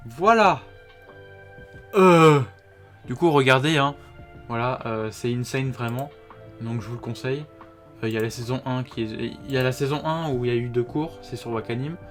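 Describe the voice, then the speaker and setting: A man's voice: medium pitch, moderate pace, pauses often, faint music behind. A young man casually reviewing seasonal anime, slangy and full of fillers, sometimes swearing, reading plot summaries aloud. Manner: informal and slangy, many fillers, occasional swearing; reads synopses aloud in a flatter voice. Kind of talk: casual video commentary.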